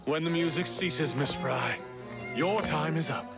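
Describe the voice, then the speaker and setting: Slow, suave gentleman villain played by a man. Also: a little high, natural voice. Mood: quietly menacing. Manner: slow, measured, counting and philosophizing while slow dancing. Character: suave, menacing middle-aged gentleman villain in Victorian London. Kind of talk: dramatic game cutscene acting. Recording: loud orchestral waltz music behind. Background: loud string dance music.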